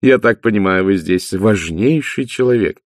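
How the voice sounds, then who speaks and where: A man's voice: fairly low pitch, animated, moderate pace, no echo, clean studio sound, natural voice. A man voicing a grand, effusive aristocratic woman in a storybook reading, sweeping and theatrical in manner. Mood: gushing.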